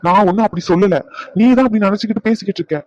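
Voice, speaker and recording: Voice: mid-range voice, fairly even intonation, rapid-fire, darkish tone, dry recording, lo-fi sound, natural voice. A performer voicing a stressed, irritable young husband in a dubbed cartoon, arguing in an exasperated way.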